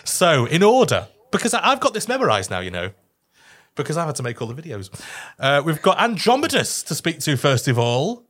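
A man's voice: a little high, wildly swooping pitch, fairly quick, fairly bright tone, husky. A British man hosting a podcast with casual, teasing banter. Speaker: podcast host.

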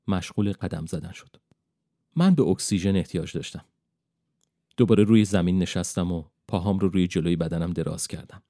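A man reading a fantasy audiobook as first-person narration in a calm, measured way. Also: low-pitched, no room sound, clean studio sound.

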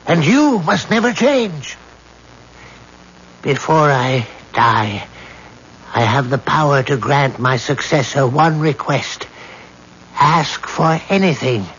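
An actor playing a very old dying mystic who speaks slowly and portentously in an old-time radio drama. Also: male voice, a little high, expressive, a bit bright. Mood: solemn, commanding. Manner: slow, solemn, portentous. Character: very old dying mystic man, solemn and commanding. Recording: muffled, noisy old radio recording.

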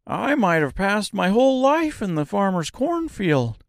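A cheerful straw Scarecrow, as a male narrator puts him on, speaks in a high, bright voice. It is a dry, close storybook reading. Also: big pitch swings, a little slow, creaky, dry recording, heavily acted. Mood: grateful.

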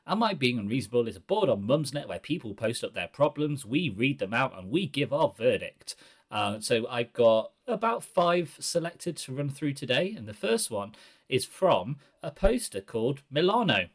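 A man hosting a podcast, reading forum posts aloud in a measured, earnest way. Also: medium pitch, sing-song. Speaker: podcast host.

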